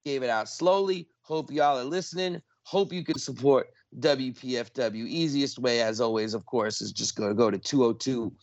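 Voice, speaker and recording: An enthusiastic man hosts a radio talk show and leans hard into his words. His voice sits at an ordinary middle pitch. The sound is dry and slightly muffled. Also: no room sound. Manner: energetic, emphatic, repeats details slowly.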